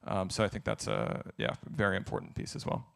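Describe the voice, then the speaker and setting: A man's voice: low voice, wildly swooping pitch, fairly quick, vocal fry, clear, resonant tone. A man answering audience questions at a conference, candid and thinking aloud as he talks. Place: conference event.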